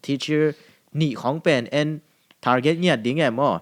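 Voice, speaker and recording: A podcast host with a fairly high, smooth voice talks slowly in a casual interview chat. He eagerly hands out advice, slipping English phrases into his speech.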